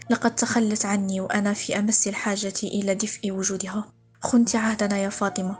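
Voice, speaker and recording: Woman voicing a heartbroken young man, bitter, poetic lament, quick even delivery, faint music behind. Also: high voice, natural voice.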